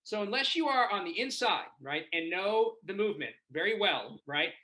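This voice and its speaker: An Israeli stand-up comedian performs a chatty set from home over a video call, constantly checking in by asking the audience "right?". His voice sits high with lively intonation and a sharp tone at a moderate pace, and the recording quality is low.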